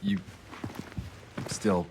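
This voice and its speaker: A man mock-dubbing a game cutscene in a low, gravelly voice as a weary, earnest grown man. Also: extremely slow, background noise.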